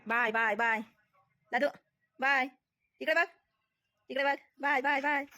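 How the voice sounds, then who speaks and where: A woman's voice: high voice, steady tone, measured pace, pushed and bright. A woman vlogger at home, talking to her toddler in coaxing, repetitive baby talk. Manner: sing-song, coaxing, repetitive. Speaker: vlogger and mother.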